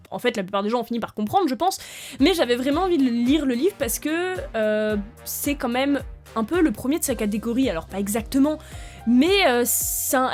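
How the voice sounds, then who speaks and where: A young woman chats to camera about books, excitable and full of fillers and restarts. Her voice sits a little high. Soft music plays quietly behind her. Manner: chatty and excitable, with many fillers. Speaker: book vlogger. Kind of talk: casual chat to camera.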